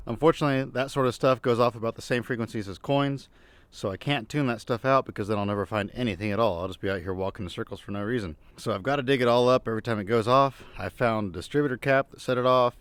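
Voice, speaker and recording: A man's voice: medium pitch, smooth, no room sound. A man narrating a casual outdoor treasure-hunting vlog in a folksy way, musing and thinking aloud as he goes. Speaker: vlogger narrating a treasure hunt. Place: outdoors in an old junkyard.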